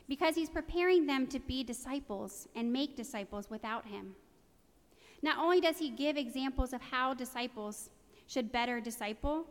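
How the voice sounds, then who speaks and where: A woman preaching a sermon in an earnest, conversational way, with a touch of self-deprecating humor. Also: high voice. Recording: long reverb of a large hall.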